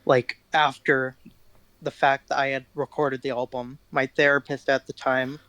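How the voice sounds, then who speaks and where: A man's voice: medium pitch, flat delivery, normal speed, sharp tone, clear, resonant tone, dry recording. Chatty teenage guy, self-mocking. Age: teens. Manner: rambling, self-deprecating, laughs at his own stories. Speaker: guest musician. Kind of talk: casual interview chat.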